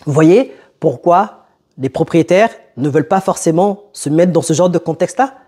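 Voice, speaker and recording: A man's voice: a little high, expressive, moderate pace, warm tone, breathy edge. A young man hosting a casual advice vlog, speaking straight to his viewers and putting rhetorical questions to them. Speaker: YouTube host giving advice to newcomers.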